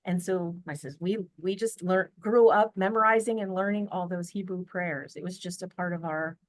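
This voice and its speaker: A woman's voice: fairly low pitch, steady tone, normal speed, dry recording. Earnest chatty American woman on a video call. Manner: earnest, chatty, many fillers and restarts. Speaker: podcast guest. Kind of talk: casual storytelling interview.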